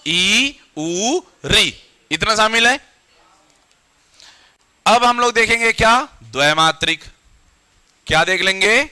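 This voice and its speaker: A man's voice: high voice, pushed and bright, no echo. A man teaching a classroom grammar lecture who keeps asking the students questions and repeating the answers back.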